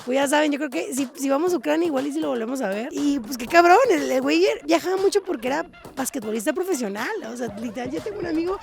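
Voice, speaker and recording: A woman's voice: sits high, animated, quick pace, gravelly, few pauses, a crowd in the background. A young Mexican woman with a Mexican accent vlogging on her phone in airports, chatty, slangy and worn out from travel. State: tired from travel. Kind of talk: casual travel vlog. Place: airports, in transit.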